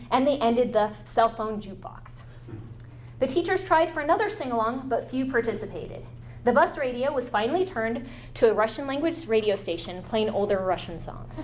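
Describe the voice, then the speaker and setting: In her academic talk, a high-pitched woman guest lecturer reads some passages aloud and occasionally halts, using fillers and restarting. There is slight background noise.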